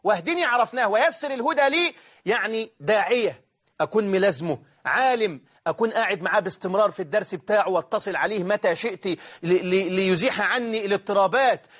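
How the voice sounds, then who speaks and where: Fervent high-voiced Egyptian preacher. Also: male voice, quick pace, a bit bright, slightly rough. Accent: Egyptian Arabic. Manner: fervent, switches between formal recitation and colloquial asides. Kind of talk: televised religious lesson.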